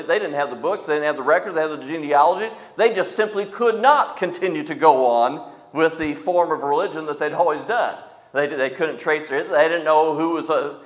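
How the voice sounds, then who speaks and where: A man's voice: a little high, in a large hall. A male preacher giving a sermon emphatically, often tagging his points with rhetorical questions.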